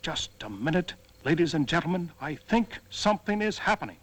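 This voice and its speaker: A man playing a broadcast commentator gravely reporting a crisis in formal, measured speech in an old film. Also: a little high, sing-song. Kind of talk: grave live radio-television special broadcast.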